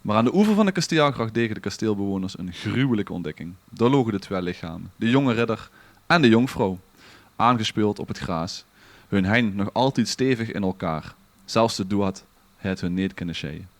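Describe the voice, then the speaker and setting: A podcast storyteller, this man performs a scripted tale with theatrical, literary flair, his Limburgish Dutch accent clear throughout. He speaks on the low side at a moderate clip, with lively intonation and few pauses, and the recording has no echo.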